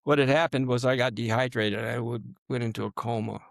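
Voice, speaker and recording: Gravelly old guy in his 70s telling his story, stops and restarts, gets real quiet at the hard parts. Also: medium pitch, fairly even intonation, no room sound, studio quality. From United States. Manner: halting, restarts often, drops to a near-murmur at grim moments. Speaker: guest, combat veteran. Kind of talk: personal storytelling in an interview.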